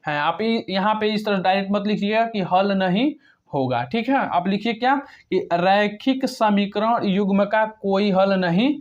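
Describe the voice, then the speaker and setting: A math teacher working step by step through a problem, asking questions and answering them himself, with long pauses between words. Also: mid-range voice. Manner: asks and answers own questions. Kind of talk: step-by-step whiteboard lesson. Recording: dull lo-fi recording.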